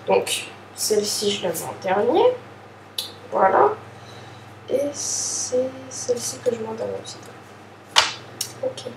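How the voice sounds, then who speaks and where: A woman's voice: fairly high pitch, expressive, takes it slowly, pauses often, noisy background. A woman casually commenting as she opens trading card packs, hesitant and apologetic, with many fillers. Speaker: card pack opener. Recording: distant echoey room with faint ambience.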